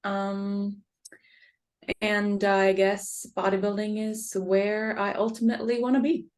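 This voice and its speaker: A woman's voice: mid-range voice, level tone, slow, a little mellow. Guest, young woman, slight Finnish accent, upbeat, laughs a lot, peppers in likes. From Finland. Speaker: guest athlete. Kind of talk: casual interview.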